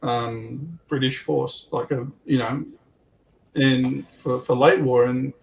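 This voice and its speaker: An Australian man chats casually on a hobby livestream panel, his phrasing hesitant and rambling. His medium-pitched voice is steady and slow. The livestream recording is rough, with clear background noise.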